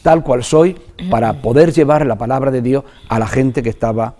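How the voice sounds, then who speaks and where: Earnest Spanish pastor with a mellow voice. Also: male voice, medium pitch. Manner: earnest, halting, repeats words when moved. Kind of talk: personal testimony in a religious TV interview.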